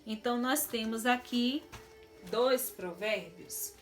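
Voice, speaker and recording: Slow, patient Brazilian woman teacher. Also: on the high side, fairly bright tone, faint music behind. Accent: Brazilian Portuguese. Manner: slow, patient explaining with frequent check-ins. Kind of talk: recorded classroom lesson.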